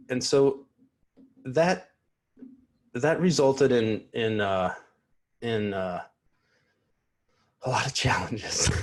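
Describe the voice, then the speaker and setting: Over a video call on an earphone mic, a thirtysomething man delivers a personal keynote for an online convention from a small home room. His mid-range voice is slow, earnest and reflective, and his stutter brings repeated sounds, blocks and frequent restarts.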